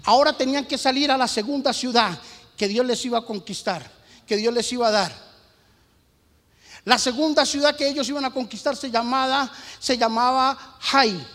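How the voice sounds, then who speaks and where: High-voiced pastor in a reverberant church. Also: male voice, moderate pace. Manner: swings from hushed asides to emphatic shouting; storytelling with rhetorical questions to the congregation. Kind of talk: sermon.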